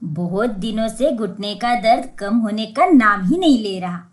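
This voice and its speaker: A woman voicing a kindly, curious older village mother-in-law in a cartoon story, speaking in a slow, motherly tone. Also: medium pitch, expressive, lightly acted.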